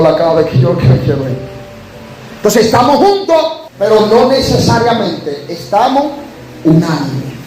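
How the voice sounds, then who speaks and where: A male pastor preaching a sermon, rising to shouted emphasis and then dropping low. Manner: preaching with sudden shouted emphasis and sharp drops. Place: church hall. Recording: echoey church hall, faint noise.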